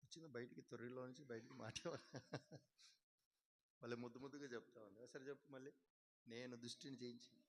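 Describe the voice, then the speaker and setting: A man preaching a sermon as pastor, fervently calling on the congregation to shout responses back. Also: medium pitch, brisk, long pauses, noisy background. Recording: long hall reverb.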